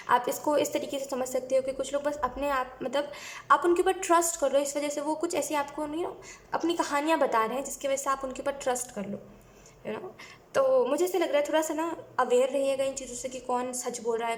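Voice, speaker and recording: A woman's voice: sits high, reverberant. A woman doing a weekly tarot reading, talking to viewers in a chatty, advising way and often mixing in English phrases. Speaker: tarot reader.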